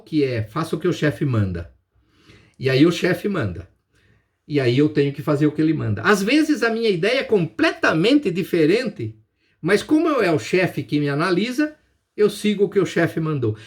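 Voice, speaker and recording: With a Brazilian Portuguese accent, a man delivers a recorded business lecture, emphatic and in the habit of posing questions and then answering them himself. His voice is high and slightly rough.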